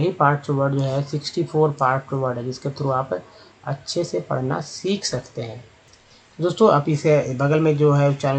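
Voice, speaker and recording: A man's voice: medium pitch, slight background noise. A man teaching an online lesson, spelling out letters and sounding out English words as he talks to viewers as friends. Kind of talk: explaining a lesson.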